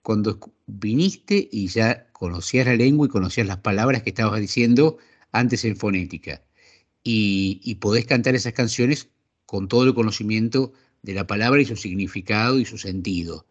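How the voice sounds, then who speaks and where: Husky low-voiced Argentine male interviewer. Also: normal speed. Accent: Argentine Spanish. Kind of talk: casual interview questions. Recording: dull lo-fi sound.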